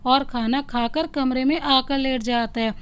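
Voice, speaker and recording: A woman's voice: high voice, fairly even intonation, unhurried, fairly bright tone, smooth. A woman narrating a scripted bedtime love story, reading plainly and announcing each speaker by name.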